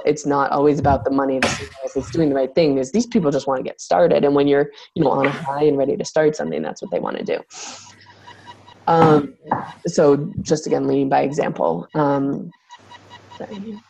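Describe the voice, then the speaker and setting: A woman's voice: low voice, gravelly, noisy background. A woman losing her voice, leading a casual team call in a rambling way, full of fillers, with big jumps when she acts out quotes. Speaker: team leader of fitness coaches.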